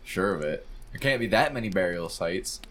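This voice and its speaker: A young man from Michigan co-hosts a casual podcast, joking around and swearing freely in a low voice that swings up and down. His laid-back talk sits over a faint room ambience. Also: lively intonation, normal speed, fairly bright tone, a little hiss or hum. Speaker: podcast co-host.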